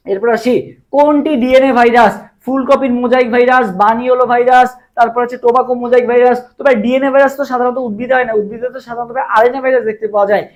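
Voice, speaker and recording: A man's voice: extremely high pitch, a little mellow. A young man with a Bangladeshi Bengali accent tutoring for an admission exam in a live online lesson, quizzing viewers over and over and drilling answers with memory tricks. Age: young adult.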